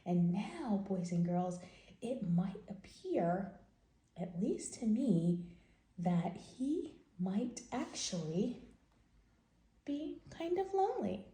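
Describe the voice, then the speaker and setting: Slow, warm and sing-song, this woman's mid-range voice leads a bedtime story session for small children. She keeps her phrases simple and emphatic and guides them with questions, all captured in an echoing room at home.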